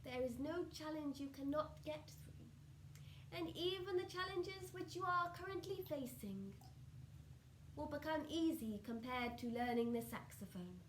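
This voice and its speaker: A woman channelling a benevolent, solemn spirit collective like a seance medium, speaking in deliberate, drawn-out phrases with hushed endings and loving guidance. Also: high voice. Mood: joyful, earnest. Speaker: trance channeller answering audience questions. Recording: roomy echo with faint background noise.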